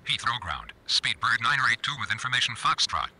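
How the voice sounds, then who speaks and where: A man voicing a male airline pilot who reads back tower instructions in crisp radio procedure. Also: medium pitch, sing-song, a little fast, sharp tone, full character voice. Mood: clipped. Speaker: pilot readback voice in a tower simulator game.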